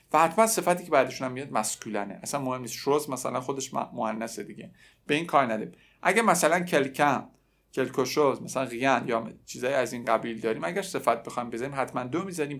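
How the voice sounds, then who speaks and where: A man leads a relaxed language lesson, speaking as if to his students. His pitch sits in the middle for a man, and he slows right down whenever he repeats a French phrase for the learners to copy. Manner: explains in Persian, then repeats French phrases slowly. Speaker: French teacher.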